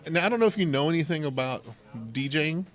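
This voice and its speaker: A fast-talking podcast host, middle-aged and American, speaks in a fairly high, expressive voice. At a local game store, he shares casual stories and banter, wandering into plenty of asides.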